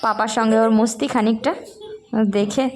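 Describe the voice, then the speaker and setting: A woman's voice: fairly high pitch, fairly even intonation, normal speed. A young woman narrating a casual family vlog, chatting directly to her viewers about her day. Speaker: vlogger mother.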